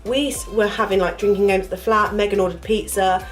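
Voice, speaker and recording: A young woman, a university student vlogger, tells a casual story to camera at a medium pitch in a steady tone, talking fairly quickly. Her voice is congested and nasal from the flu, and she rambles with plenty of fillers while faint music plays behind her.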